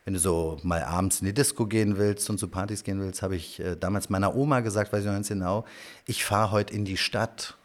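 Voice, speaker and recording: Low-voiced man answering as a political guest. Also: steady tone, brisk. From Berlin. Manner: storytelling, fluent with frequent filler sounds. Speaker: political candidate, interview guest. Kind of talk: conversational interview answers.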